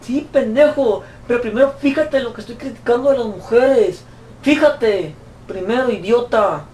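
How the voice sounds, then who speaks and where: Speaking at a moderate pace in a darkish tone, a Mexican-accented YouTuber tackles fan questions with a crude, mocking comedic rant, using shrill fake voices whenever he quotes someone. The sound is echoey and distant, with faint noise.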